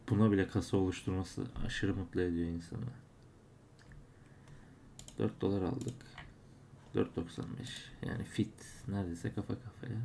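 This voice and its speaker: A man's voice: fairly low pitch, vocal fry, warm tone, slight background noise. Exasperated man commenting on his own gameplay. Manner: frustrated, exclaiming at losses. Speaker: case-opening streamer. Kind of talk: live commentary while opening cases.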